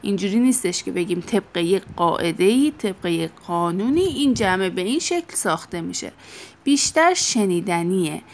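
A woman teacher giving a classroom grammar lesson. She asks questions and answers them herself, drawing out the example words slowly. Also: medium pitch, animated. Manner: slow, drawn-out stress on example words.

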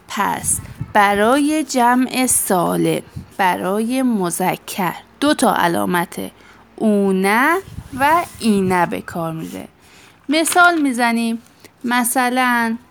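A woman teacher giving a classroom grammar lesson. She asks questions and answers them herself, drawing out the example words slowly. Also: fairly high pitch. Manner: slow, drawn-out stress on example words.

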